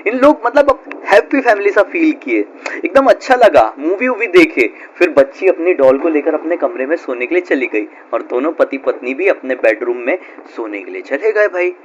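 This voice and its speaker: A man's voice: on the high side, animated, normal speed, muffled recording, slight background noise. A man telling a horror story in a casual, chatty way, full of fillers. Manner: chatty, conversational, with frequent fillers.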